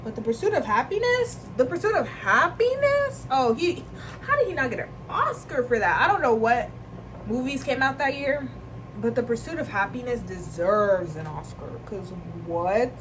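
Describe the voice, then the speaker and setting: A woman's voice: fairly high pitch, big pitch swings, moderate pace, fairly bright tone, a little hiss or hum, poor audio. A young woman from Nigeria chatting casually in a vlog, rambling and slangy and laughing often. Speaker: vlogger. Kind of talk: casual chat.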